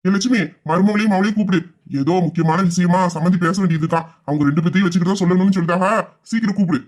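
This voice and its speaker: A man voicing a middle-aged father-in-law who gives brisk orders around the house. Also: high-pitched, steady tone, darkish tone, natural voice. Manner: brisk, commanding.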